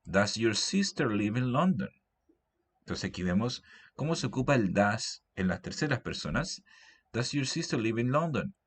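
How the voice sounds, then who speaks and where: A man's voice: medium pitch, sing-song, normal speed, breathy edge. A man giving a grammar lesson, patiently repeating example sentences. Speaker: English teacher. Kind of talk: grammar lesson explained in Spanish.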